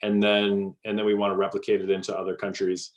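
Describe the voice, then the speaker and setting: Man, lowish voice, casual interview guest, halting with fillers and restarts. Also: completely flat delivery, muffled recording. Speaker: guest, company co-founder.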